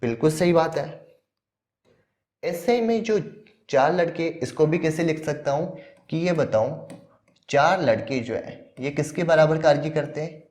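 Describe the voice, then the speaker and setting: A man's voice: fairly high pitch, lively intonation, measured pace, a little mellow. A man teaching an exam-prep maths lesson who talks through each step, asks questions and answers them himself.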